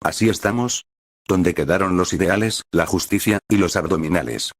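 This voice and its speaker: A man's voice: low voice, moderate pace, no echo, clean studio sound. A man reading the part of a scheming older male supervillain, in a wise, villainous and dramatic tone. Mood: theatrical.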